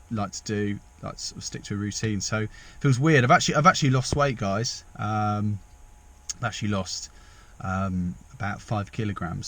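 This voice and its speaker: A man's voice: medium pitch, a bit bright. A young man from England, rambling chattily and self-deprecatingly in a casual vlog. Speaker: vlogger.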